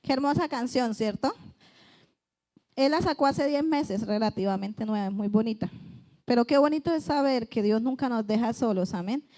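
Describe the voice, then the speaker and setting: Woman, church preacher, high-pitched, earnest, conversational sermon. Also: moderate pace, warm tone. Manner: earnest, often voices pleading prayers aloud. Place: church service.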